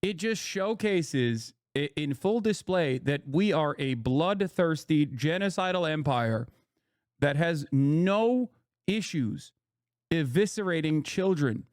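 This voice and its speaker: A man's voice: on the high side, a little mellow, no room sound, studio quality. A man hosting a live stream, ranting to his chat in a profane, emphatic way. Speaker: streamer host reacting to news. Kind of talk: casual live-stream commentary.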